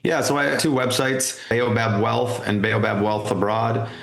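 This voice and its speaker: A man speaking as a financial advisor guest on a podcast interview, explaining things in a relaxed way. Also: medium pitch, moderate pace, vocal fry. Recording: echoey room with faint music.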